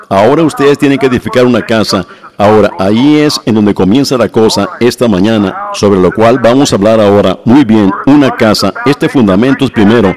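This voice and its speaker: A man's voice: medium pitch, a little mellow. A man preaching a sermon to a congregation, often breaking off to ask the listeners whether they see his point. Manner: addresses the congregation directly with repeated questions.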